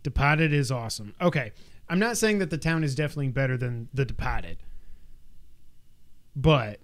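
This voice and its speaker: A man's voice: medium pitch, animated, moderate pace. A man co-hosting a podcast, chatting casually and enthusiastically. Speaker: podcast co-host. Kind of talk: casual chat.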